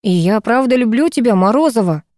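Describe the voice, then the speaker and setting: A woman's voice: a little high, animated, fairly quick, a little mellow, dry recording, studio quality, voice pushed up, lightly acted. A woman reading the lines of a young male footballer who coaxes and pleads with his ex-fiancée, in a story read aloud. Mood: pleading. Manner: coaxing, pleading.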